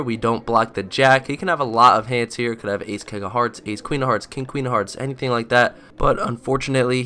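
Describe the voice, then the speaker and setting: A young man with a congested, stuffy voice, giving upbeat, excitable voice-over commentary on poker hands in his vlog. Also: mid-range voice, clear, resonant tone. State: congested from a cold. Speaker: poker vlogger.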